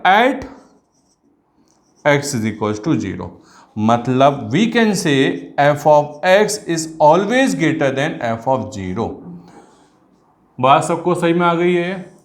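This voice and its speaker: High-voiced man teaching math. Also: lively intonation, slow pace, reverberant. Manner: mixes Hindi and English, addresses students as beta, talks while writing. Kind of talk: online class lecture.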